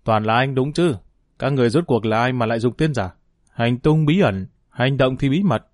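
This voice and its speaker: A man's voice: mid-range voice, normal speed, no echo, clean studio sound, close to an everyday voice. Man doing a furious young avenger. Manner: furious, gritted. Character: angry young male martial artist seeking revenge.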